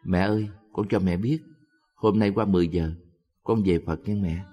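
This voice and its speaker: A man's voice: low-pitched, normal speed, warm tone, faint music behind. A man voicing a serene dying young woman. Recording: long hall reverb.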